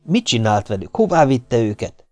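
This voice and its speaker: A man's voice: medium pitch, very animated, dry recording, natural voice. A man voicing a grim, vengeful ape-man who speaks in a stern, cold, threatening way.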